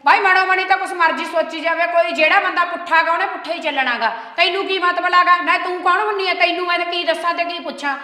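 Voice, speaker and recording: A woman's voice: very high voice, quick pace, few pauses, pushed and bright. A woman playing an indignant young sister-in-law. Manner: indignant, lecturing. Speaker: daughter of the house. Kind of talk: web series acting. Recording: roomy hall reverb.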